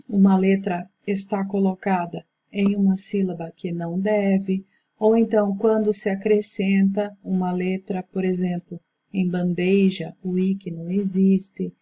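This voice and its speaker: A woman teacher giving a recorded grammar lesson, explaining patiently and slowly. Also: medium pitch, steady tone, mellow, husky, muffled recording. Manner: slow, patient explaining with slides.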